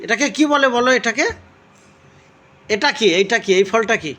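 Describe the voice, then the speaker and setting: A woman playing with her toddler at home, asking simple questions again and again and gently scolding with tutting sounds. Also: a little high, normal speed. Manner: repeats simple questions over and over. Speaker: parent filming her toddler. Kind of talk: playful coaxing talk to a toddler.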